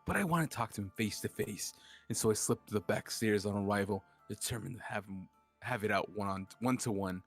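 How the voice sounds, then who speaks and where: A man's voice: lowish voice, brisk, soft background music. A man reading out a young male writer's murder confession in a murder mystery role-play. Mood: bitter. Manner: reads a dramatic confession in an even voice.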